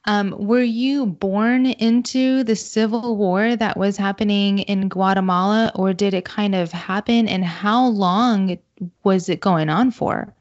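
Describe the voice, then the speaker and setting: A woman's voice: mid-range voice, fairly even intonation, a little slow, a little mellow, lo-fi sound. A woman hosting a podcast interview, with polite and formal introductions of her guest. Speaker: podcast host.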